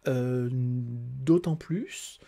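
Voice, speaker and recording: Hesitant, husky-voiced French man. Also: medium pitch, drawn-out words, warm tone. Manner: hesitant, many fillers and restarts, explains patiently. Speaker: tarot reader and life coach. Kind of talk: casual product review.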